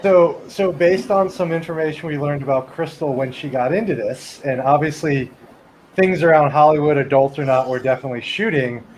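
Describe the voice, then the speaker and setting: A male podcast co-host talks in a hesitant, rambling way. His voice sits a bit high for a man, with a faint room hum behind. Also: brisk, a little mellow. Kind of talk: casual chat.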